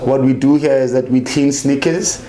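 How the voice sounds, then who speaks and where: A man's voice: mid-range voice, fairly even intonation, moderate pace, mellow. A South African man who owns a small business, introducing himself plainly and confidently in a documentary interview. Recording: echoey space with crowd noise.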